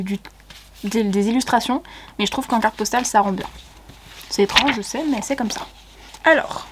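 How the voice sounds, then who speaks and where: A young woman chatting casually as she unboxes books, excitable and giggly, with many fillers. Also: a little high, noisy background. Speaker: book vlogger.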